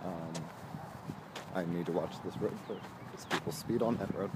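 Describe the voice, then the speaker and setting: A man's voice: sits low, normal speed, very noisy. A man vlogging outdoors by a road, talking to the camera in a rambling, intense, self-deprecating way. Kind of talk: casual vlog talk to camera.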